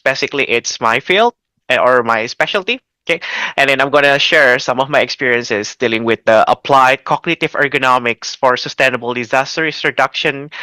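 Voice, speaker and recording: A man presents a recorded lecture. His voice is bright and forward, recorded close and dry with no room sound. He talks casually and loosely, with frequent fillers. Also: mid-range voice, no room sound. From Indonesia. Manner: casual, with fillers like "okay" and "you know". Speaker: assistant professor, presenter.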